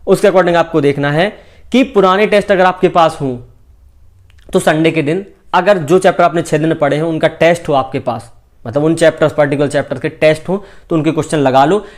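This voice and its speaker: A man's voice: on the high side, a little fast. A young man casually coaching exam students in a vlog, talking directly and often checking in with his listeners. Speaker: medical student mentoring exam takers.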